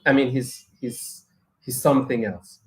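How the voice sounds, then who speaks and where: This middle-aged man from Cameroon has a mid-range, slightly mellow voice and a measured pace. Hosting his weekly live broadcast about space engineering, he talks casually to viewers, often restarting, filling pauses and letting out small chuckles.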